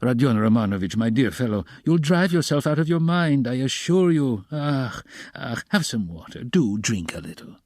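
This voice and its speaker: In a dry, studio-quality audiobook recording, a man voices a wily middle-aged investigator, pitching above his natural voice to a medium, darkish, sing-song tone at a moderate pace. The character sounds alarmed and fussing, fussily solicitous and slyly mocking, with theatrical, coaxing exclamations.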